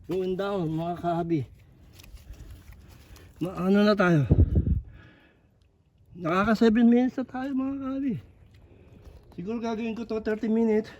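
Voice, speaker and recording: A man vlogging outdoors on a rocky shoreline at low tide, talking chattily to his viewers and slightly out of breath. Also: fairly even intonation, measured pace, long pauses, a little mellow, lo-fi sound. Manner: chatty, repetitive, addresses viewers constantly. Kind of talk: casual on-the-spot vlog narration. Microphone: camera on a tripod.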